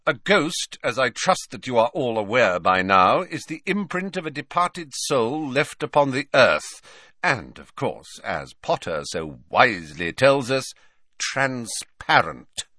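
A man's voice: mid-range voice, very animated, unhurried, pushed and bright, no echo, clean studio sound, voice pushed up, heavily acted. A man voicing a cold, sneering male teacher with a bored, mocking drawl.

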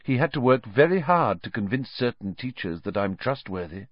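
A man voicing a calm, reasonable male professor and werewolf in a storybook reading, measured and coolly courteous. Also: medium pitch, dry recording, lo-fi sound.

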